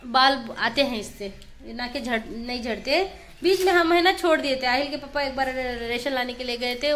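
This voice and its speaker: A woman's voice: on the high side, fairly bright tone. A woman in her thirties filming a casual home vlog in a small kitchen with a phone at arm's length, chatting in a homely, rambling way. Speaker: vlogger, mother. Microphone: phone held at arm's length.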